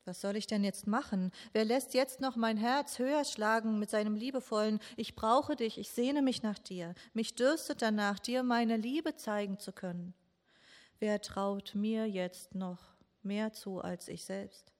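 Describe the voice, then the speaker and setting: A woman preaches a meditative sermon, her speech unhurried and heavy with grief. She asks question after question and leaves long pauses. Her mid-pitched voice carries a long reverb, as if it were recorded in a large church. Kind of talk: slow meditative Good Friday sermon.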